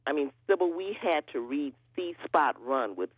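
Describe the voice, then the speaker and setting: Older woman telling stories, husky. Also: sits low, normal speed, no echo, rough recording. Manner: storytelling, animated quoting. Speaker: guest.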